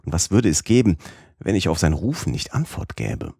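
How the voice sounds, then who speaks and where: A man reading a classic novel aloud as first-person audiobook narrator, in a measured, literary storytelling manner. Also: low voice, big pitch swings, vocal fry, warm tone, husky, no echo, studio quality.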